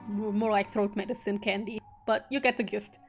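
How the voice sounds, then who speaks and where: A woman's voice: mid-range voice, fairly even intonation, normal speed, faint music behind. A woman streamer reading a visual novel aloud, breaking off now and then into joking casual asides. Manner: reads narration steadily, breaks off into joking asides.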